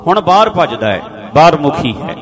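A man giving a slow, explanatory religious sermon, now and then chanting rhythmically. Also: on the high side, very animated, crowd noise. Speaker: Sikh preacher. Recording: music clearly behind the voice. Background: instrumental music.

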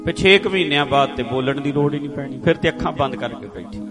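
A man giving a slow, explanatory religious sermon, now and then chanting rhythmically. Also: mid-range voice, animated. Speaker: Sikh preacher. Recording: music clearly behind the voice. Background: instrumental music.

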